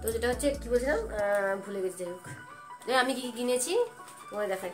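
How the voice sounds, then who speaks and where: A young adult woman vlogging casually from home, talking in a quick, rambling, chatty way as she shows what she bought. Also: a little high, animated, music in the background. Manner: rapid, chatty, rambling talk. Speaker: lifestyle vlogger. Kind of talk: casual home vlog chat. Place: indoors at home, fan running.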